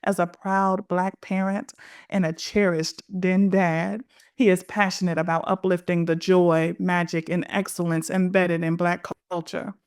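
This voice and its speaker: A woman hosts the show with a slightly low voice, heard close and dry with no room sound. She reads her introductions in a measured, deliberate way before moving into her questions. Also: level tone, a little mellow, clear, resonant tone, no echo. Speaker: podcast host. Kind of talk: scripted introduction then interview questions.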